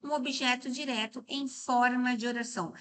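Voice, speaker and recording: Bright-voiced Brazilian woman teaching grammar. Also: high-pitched, steady tone. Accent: Brazilian Portuguese. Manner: didactic, checks in often with "tá?" and "né?"; slows and stresses words to break them into syllables. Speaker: Portuguese teacher. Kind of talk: exam-prep grammar lesson.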